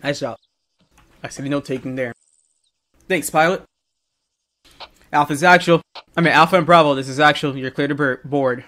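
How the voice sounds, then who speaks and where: A man with a somewhat high-pitched voice briefs trainees in a military simulation game. He explains procedures in a directive, informal way, correcting and quizzing as he goes. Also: steady tone, moderate pace, pauses often, a bit bright. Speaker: military-sim drill instructor. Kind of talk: instructional briefing in game roleplay.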